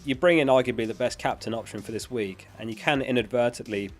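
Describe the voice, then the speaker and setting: Speaking quickly at a medium pitch, a man hosts a casual livestream and answers viewer questions he reads aloud, plainly and without fuss. Being unwell, his voice is starting to fail; a close dynamic studio microphone picks him up over soft music.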